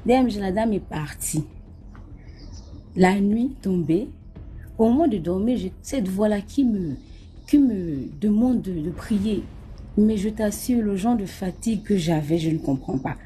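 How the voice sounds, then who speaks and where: Woman, spoken storyteller, warm tone, lively and talking straight to the listener. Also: mid-range voice, a little slow, slight background noise. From Nigeria. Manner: lively, acts out scenes, often addresses the listener. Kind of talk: casual spoken testimony.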